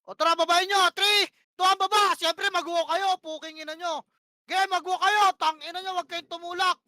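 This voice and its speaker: Woman, high bright voice, bossy profane game shot-caller, short repeated commands, dry close sound. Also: steady tone, moderate pace, no echo. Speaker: online game player calling plays to her team. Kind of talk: live gameplay shot-calling.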